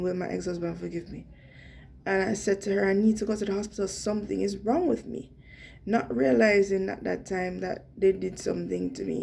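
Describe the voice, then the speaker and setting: A young adult woman with a Jamaican accent telling a personal story in an earnest, animated way, slipping into patois. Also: medium pitch, creaky, a little hiss or hum. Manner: earnest, animated retelling with quoted dialogue and Jamaican patois slips. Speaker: vlogger.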